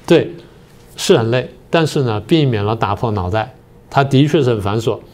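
A man's voice: mid-range voice, expressive, darkish tone. Older man lecturing step by step. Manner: methodical, explains step by step with many pauses. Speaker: political science professor, guest. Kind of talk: lecturing on a talk show.

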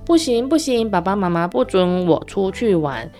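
A woman voicing a lively little male cat in a children's storybook tale, eager and childlike. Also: medium pitch, normal speed, soft background music, close to an everyday voice.

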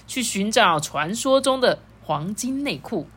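A woman, a mother reading a children's story aloud in a playful, animated way and asking her child questions. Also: mid-range voice, unhurried, slightly rough.

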